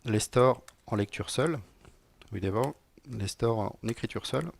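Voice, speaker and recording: Delivering a live-coding tech talk, a middle-aged technical director speaks at a moderate pace in a medium-pitched voice touched with vocal fry, with no room sound. He keeps it casual for the audience, full of fillers and deadpan humor.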